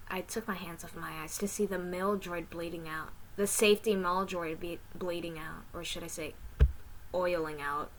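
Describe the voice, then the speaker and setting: A woman's voice: fairly low pitch, slight background noise, rough recording. A woman reading her own first-person fan story aloud casually, with small slips.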